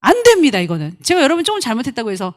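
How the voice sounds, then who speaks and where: Animated woman preaching a lively sermon. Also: sits high, very fast. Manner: animated, acts out quoted voices, jumps from loud to soft. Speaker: pastor. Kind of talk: lively sermon with acted-out examples.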